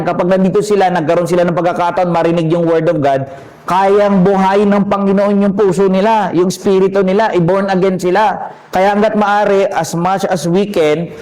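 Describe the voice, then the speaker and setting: This time the pastor's high-pitched, darkish voice comes through a low-quality recording. He keeps the sermon conversational, quizzing his listeners and blending English into his preaching.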